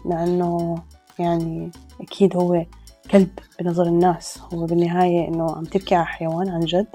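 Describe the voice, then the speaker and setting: A woman tells a personal story in a reflective, hesitant way. Her voice is low and mellow, and her level, flat delivery moves quickly. Soft music plays faintly behind her. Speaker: storyteller guest.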